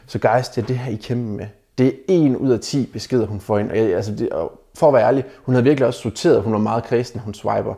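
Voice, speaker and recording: A man with a gravelly, mellow voice talks straight to his viewers in a casual advice vlog. He picks apart bad dating messages in a blunt, mocking way and keeps calling his audience guys. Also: medium pitch, fairly even intonation, few pauses. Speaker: dating advice video maker. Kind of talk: casual advice commentary to camera.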